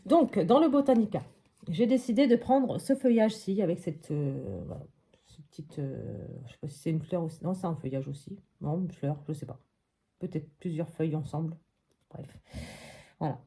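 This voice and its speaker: A woman with a fairly low, mellow voice talks through her craft project at a table at home. She keeps a chatty, thinking-aloud flow, peppered with little hops and voilàs as she works. The feel is a relaxed, casual tutorial. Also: normal speed.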